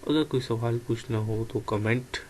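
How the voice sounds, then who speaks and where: A man giving an online language lecture, explaining letters and sounds one by one in a slow, patient way. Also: mid-range voice, steady tone, a little mellow, slight background noise. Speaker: language teacher.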